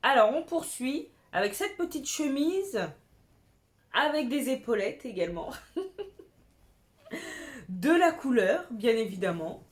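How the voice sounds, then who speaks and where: A woman's voice: on the high side, very animated, takes it slowly, long pauses. A young woman chatting casually and enthusiastically while showing off clothes she bought secondhand, dropping slang as she goes. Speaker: fashion vlogger. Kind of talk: casual clothing haul chat.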